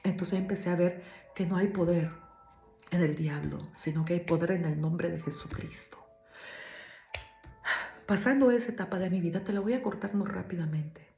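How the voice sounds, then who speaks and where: A woman's voice: on the low side, normal speed, vocal fry, pauses often, warm tone, reverberant, faint music behind. A woman giving an emotional faith testimony as a sermon, earnest and repetitive, speaking straight to her listeners.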